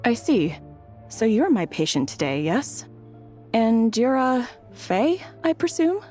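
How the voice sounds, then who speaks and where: A woman playing a calm, courteous and reassuring doctor in a video game. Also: on the high side, slow pace, music in the background. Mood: polite, inquiring.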